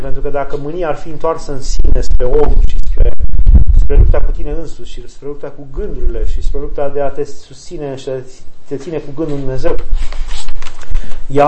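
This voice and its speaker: High-voiced man giving an emphatic spiritual talk. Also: a little mellow, slight background noise, poor audio. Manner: emphatic, repeats key phrases. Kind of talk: spiritual talk answering audience questions.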